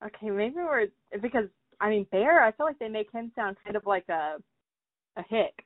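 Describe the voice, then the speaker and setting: A woman's voice: medium pitch, lively intonation, moderate pace, no room sound. Chatty woman on a tinny line. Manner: chatty, thinks aloud with many "like"s. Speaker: podcast co-host. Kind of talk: casual book podcast chat. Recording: tinny phone-like dry audio.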